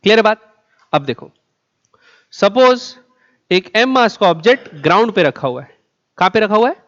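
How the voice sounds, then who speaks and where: A high-pitched man teaching physics, throwing questions at the class and answering them himself. He slows right down on key words and repeats them for emphasis. The sound is dull and lo-fi. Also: very animated, fairly bright tone. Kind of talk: classroom lecture.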